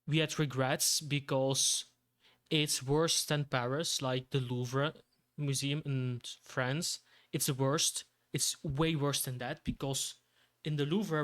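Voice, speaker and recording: Slow-talking Belgian man, rambling. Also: on the high side. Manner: rambling, laughs often, repeats himself. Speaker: streamer. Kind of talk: casual chat.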